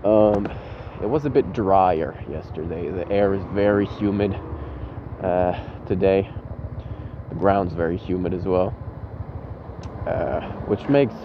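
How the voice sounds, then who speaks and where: A man's voice: low-pitched, takes it slowly, long pauses. A man giving casual, sweary vlog commentary from inside a motorcycle helmet as he rides, on a muffled mic. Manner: informal, sweary. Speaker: motovlogger. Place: inside a motorcycle helmet, outdoors on city streets. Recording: dull helmet mic with loud engine and traffic noise.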